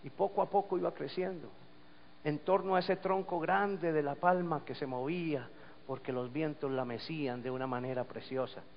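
A pastor with a high voice preaches a sermon, moving between storytelling and forceful scripture reading. The recording is dull and lo-fi, with a long echo from the church hall. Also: male voice, steady tone, moderate pace, a little hiss or hum. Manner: storytelling, swelling to emphatic reading.

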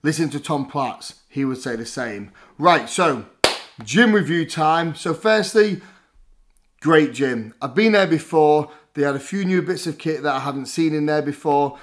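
A man in his thirties from England, a fitness vlogger talking casually and enthusiastically to camera from his living room, with frequent fillers. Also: on the high side. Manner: enthusiastic, chatty, lots of fillers like "like" and "basically". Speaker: fitness vlogger reviewing gyms. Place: living room at home, indoors.

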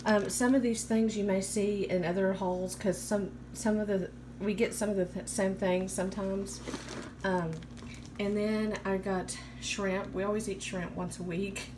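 A woman's voice: mid-range voice, fairly even intonation, unhurried. Chatty American woman over noticeable room noise. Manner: chatty, informal. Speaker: vlogger. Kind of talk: casual haul narration. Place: home kitchen, indoors. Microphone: handheld phone. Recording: clear background room noise.

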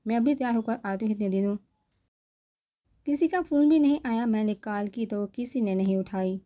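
A woman reading a novel aloud, voicing a timid young wife who pleads softly. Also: a little high, lightly acted. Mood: eager. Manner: pleading, tearful.

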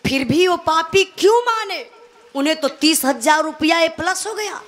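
A woman's voice: extremely high pitch, animated, a little slow, fairly bright tone. A woman narrating a dramatic folk ballad, calling out to her listeners as brother. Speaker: folk storyteller singer.

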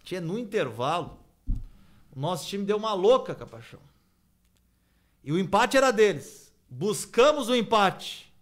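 A man from Rio do Sul, telling an animated story on a radio sports show and tagging his sentences with "né?". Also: high-pitched, normal speed, long pauses. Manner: animated anecdote-telling with frequent "né?" tags. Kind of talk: casual studio storytelling. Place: radio studio.

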